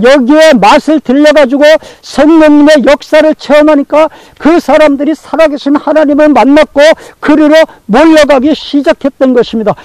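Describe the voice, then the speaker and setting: A male pastor preaching a sermon, repeating phrases for emphasis and telling stories in a lively, colloquial way. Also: very high voice, no echo, low-quality recording. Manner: colloquial, animated storytelling with acted-out quotes.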